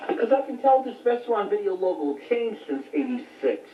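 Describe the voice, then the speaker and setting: Very animated and brisk, a medium-pitched woman rambles matter-of-factly through a casual, unscripted show-and-tell of the recent finds in her home video collection. The recording comes from a distant mic and sounds tinny, phone-like and echoey, with slight background noise.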